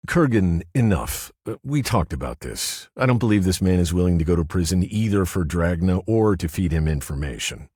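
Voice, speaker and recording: A man voicing a calculating male prosecutor with a deep, well-modulated voice and formal, measured delivery. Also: expressive, darkish tone, husky, dry recording, studio quality. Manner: measured, formal, self-satisfied. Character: smooth, calculating male prosecutor, politician type.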